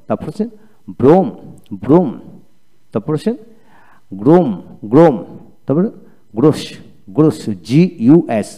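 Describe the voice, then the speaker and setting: A man's voice: medium pitch, mellow. A man with a Bangladeshi accent teaching English pronunciation, saying each word twice and spelling out letters. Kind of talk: pronunciation drill lesson.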